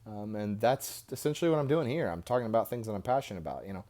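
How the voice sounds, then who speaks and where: Casting: American male podcaster, low voice, casual rambling monologue, recorded on headphones used as a mic. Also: animated, racing, dark tone. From Indiana, United States. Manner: informal, rambling with frequent "you know" asides. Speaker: podcast host. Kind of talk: casual off-the-cuff monologue to camera. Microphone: headphones used as mic with a phone.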